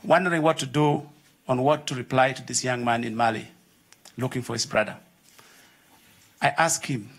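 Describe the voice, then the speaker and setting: A young man speaks from the audience at a conference, earnest and steady, with a mid-range voice. He tells a personal story and voices the people in it. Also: mid-range voice, normal speed, vocal fry, pauses often, slightly rough. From Uganda. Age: young adult. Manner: earnest, acts out dialogue in his story. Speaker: audience member telling his story.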